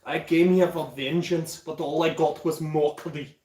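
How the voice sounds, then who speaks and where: A man doing a put-on Scottish accent for a gruff, vengeful Viking father, in an echoey room. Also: fairly high pitch, fairly even intonation, normal speed, dark tone, natural voice. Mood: blustering.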